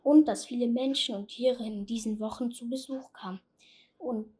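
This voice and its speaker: Storyteller, female, reading a fairy tale; soft, husky tone. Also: on the high side, fairly even intonation, normal speed.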